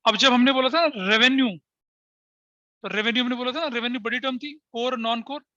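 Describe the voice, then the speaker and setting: A man's voice: very high voice, steady tone, a little fast, sharp tone, no echo, lo-fi sound. A male accounting teacher giving a classroom lecture, explaining terms by asking questions and answering them himself, slipping into English phrases.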